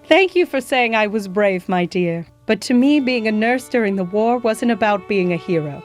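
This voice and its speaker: A woman's voice: mid-range voice, lively intonation, normal speed, soft background music, natural voice. A woman playing a gracious historical nurse who tells her life story in a genteel way, calling her listener "my dear". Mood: earnest. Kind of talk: scripted educational acting.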